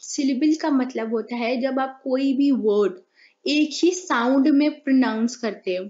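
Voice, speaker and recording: A woman's voice: high-pitched, a little slow, a little mellow, lo-fi sound. A woman teaching a grammar lesson, explaining step by step and asking and answering her own questions.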